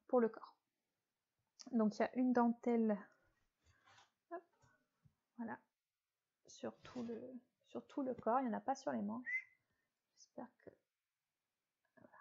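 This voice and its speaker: Woman, knitting podcast host, casual hesitant chat, mellow tone, slightly muffled recording. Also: on the high side, creaky. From France. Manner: chatty, hesitant with many fillers. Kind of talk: casual show-and-tell chat.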